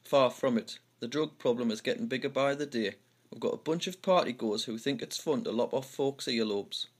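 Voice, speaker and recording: With a mid-range voice at a moderate pace, this male amateur works through a play's dialogue. His accent is North East English, specifically Houghton-le-Spring pitmatic.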